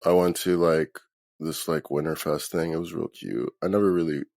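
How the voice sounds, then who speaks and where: Hungover man with deep, gravelly voice. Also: steady tone, normal speed, a little mellow, no echo, clean studio sound. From Philadelphia. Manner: laid-back, profane, slangy. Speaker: interview guest, band musician. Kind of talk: casual chat.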